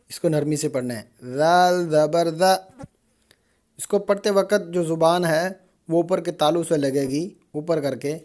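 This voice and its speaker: A man with a Pakistani Urdu accent teaching Quran reading, chanting syllables slowly and explaining in quick asides. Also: fairly high pitch, darkish tone. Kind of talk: slow recited lesson drills.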